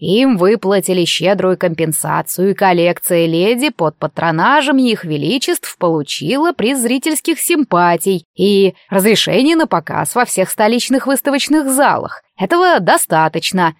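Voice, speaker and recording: A stern man at the head of the magic police, cold and clipped, weighing each word in a slow, measured tone, as a woman reads his lines in an audiobook. Dry, close sound. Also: mid-range voice, expressive, no echo, lightly acted.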